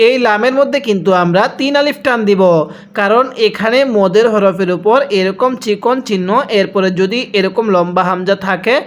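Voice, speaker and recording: A man teaching Quran reading. He sounds out each syllable slowly, asks how to read it, and prompts the viewer to repeat after him. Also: high voice. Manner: spells out syllables slowly, then explains quickly. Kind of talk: Quran recitation lesson.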